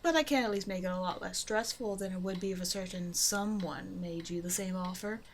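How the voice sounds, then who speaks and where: In an intimate roleplay audio drama, a woman plays a flirtatious, self-assured supervillain who is a demanding but generous customer of a tailor, teasing the listener in a casual way. Her voice is fairly low and a little fast, and the performance is lightly acted. There is slight background noise.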